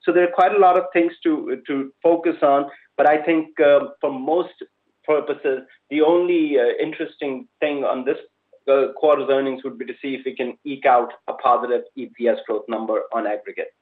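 A male guest strategist speaks over a narrow, phone-like connection. His pitch is average. He gives unscripted, analytical commentary, working through his points with halting pauses. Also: steady tone. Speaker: investment strategist, podcast guest.

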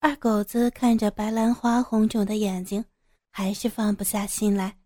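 Brief: woman storyteller reading a serialized story, calm and steady, mellow and dry. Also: medium pitch, normal speed, no room sound. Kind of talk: scripted audio story narration.

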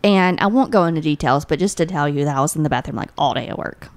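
A woman in her thirties, co-hosting a podcast and telling a funny story in casual chat with a laughing, animated delivery. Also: low-pitched, fast. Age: 30s. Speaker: podcast co-host.

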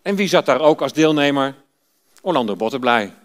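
A man's voice: mid-range voice, expressive, brisk. A man in his fifties, a pastor reading scripture and telling personal stories in a sermon. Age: 50s. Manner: storytelling, personal. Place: church. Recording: long church reverb.

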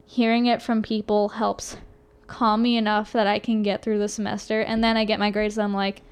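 Chatty young college woman, clear voice. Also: medium pitch, little pitch movement. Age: young adult. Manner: fast rambling with many fillers. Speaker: college student. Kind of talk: casual chat.

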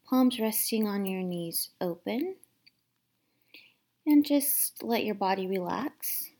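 Female meditation guide, soft soothing delivery, very slow pace, medium pitch, long pauses. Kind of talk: guided meditation, instructing listeners to relax and breathe.

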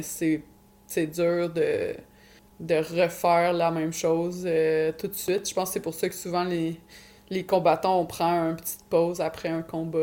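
A woman's voice: on the low side, a little mellow. A woman with a Quebec French accent giving casual interview answers, informal and sprinkled with English words. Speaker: Muay Thai fighter and coach.

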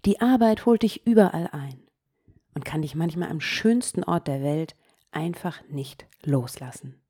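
A woman hosting a guided meditation podcast, speaking softly and gently, often sinking into a whisper. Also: deep voice, lively intonation, husky. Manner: slow, soft-spoken, gently guiding, drops into whispers.

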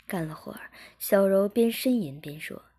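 Breathy, husky woman reading a story softly. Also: medium pitch, lively intonation, moderate pace. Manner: soft, intimate reading that often drops to a whisper. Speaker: story narrator. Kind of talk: erotic story narration, often whispered.

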